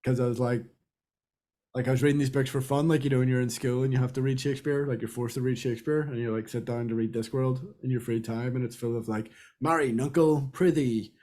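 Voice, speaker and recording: A man's voice: medium pitch, level tone, fast, mellow. A young man from Britain, a podcast co-host talking casually and rambling with many fillers. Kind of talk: casual chat.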